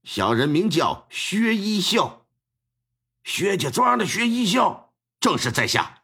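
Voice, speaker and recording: Storyteller as a timid young son: earnest, pleading, slightly raised pitch. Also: male voice, big pitch swings, slow, gravelly, bright, forceful tone, husky, heavily acted. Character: young male son, timid, protesting innocence.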